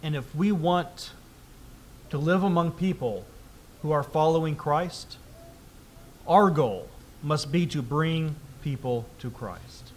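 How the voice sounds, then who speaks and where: A man preaching a sermon, reading scripture aloud with rising emphasis and then explaining it in a quieter, conversational tone. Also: on the high side, animated, slow, long pauses, a little hiss or hum.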